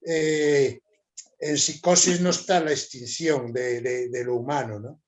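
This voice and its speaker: A man in a casual group discussion, animated and emphatic, often ending with tag questions. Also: medium pitch, a little slow.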